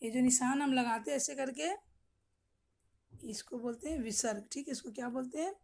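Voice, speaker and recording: A woman's voice: high-pitched, gravelly, a little mellow. A middle-aged woman teacher giving an online class, explaining patiently, repeating questions and checking with the children. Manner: explains slowly, repeats questions, frequent "ठीक है".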